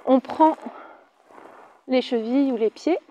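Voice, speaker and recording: A woman's voice: sits high, takes it slowly, warm tone, muffled recording, a little hiss or hum. A French woman with a French accent leading a Pilates class, cheerful and chatty, counting out the reps. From France. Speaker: Pilates instructor. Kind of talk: guided exercise class.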